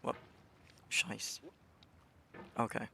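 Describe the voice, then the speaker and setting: A man's voice: very slow, bright, forceful tone, slight background noise. A young man streaming a game, talking to himself in a rambling way, stammering and swearing now and then. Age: young adult. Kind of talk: casual live-stream commentary.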